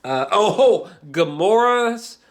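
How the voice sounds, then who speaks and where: A man with a high-pitched, animated voice takes his time giving a casual, rambling film review. He searches for words and repeats himself, and his manner is emphatic and fannish, with slangy swearing for emphasis.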